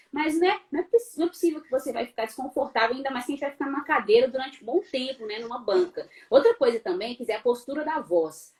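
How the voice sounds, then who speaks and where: A middle-aged Brazilian woman who speaks with a Brazilian Portuguese accent and teaches law, coaching her audience in a live online talk. She sits a little high in pitch and keeps things animated. She asks herself rhetorical questions and playfully mimics sounds. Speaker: law professor.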